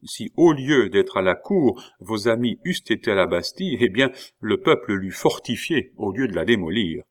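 A man playing a dry ironic king, humming before lines, somewhat low, storybook reading. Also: big pitch swings, normal speed. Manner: drawling, grunts and hums before lines. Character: King Louis XVI, calm, dry, ironic middle-aged man. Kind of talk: audiobook character reading.

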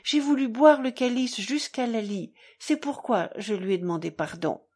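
Woman reading as proud passionate young woman, trembling intensity, breathy, audiobook. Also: mid-range voice, big pitch swings, unhurried, darkish tone, heavily acted. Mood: agitated. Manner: intense, tremulous pleading.

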